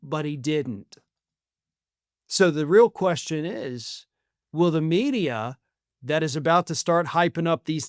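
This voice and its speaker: An American man who hosts a political channel delivers opinionated commentary on the news, emphatic, sarcastic and colloquial in tone. His voice is on the high side and smooth, with studio-quality audio and no room sound.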